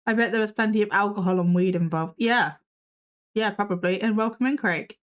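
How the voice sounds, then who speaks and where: Speaking a little fast at a medium pitch, a woman hosts a live stream and reacts to videos. She's skeptical and sassy, swears without much thought, and is clearly losing her voice.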